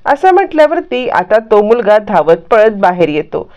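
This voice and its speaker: Smooth-voiced woman retelling a story. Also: medium pitch, sing-song, moderate pace, a little mellow. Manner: plain retelling with many "asa mhatlyavarti" links. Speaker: storyteller retelling a TV serial episode. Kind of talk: casual story recap narration. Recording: muffled lo-fi recording.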